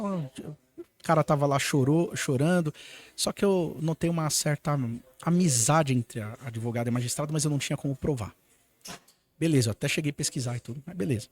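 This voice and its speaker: A man with a Brazilian Portuguese accent, a lawyer telling a story on a podcast in a lively way and acting out the lines of the people in it. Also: medium pitch. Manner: animated, acts out quoted dialogue. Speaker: lawyer guest.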